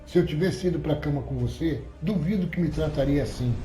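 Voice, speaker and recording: A man's voice: on the high side, a little fast, mellow, soft background music, natural voice. A man voicing a taunting, scheming young woman with a mocking, venomous manner, in an echoey audio story. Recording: roomy echoey recording.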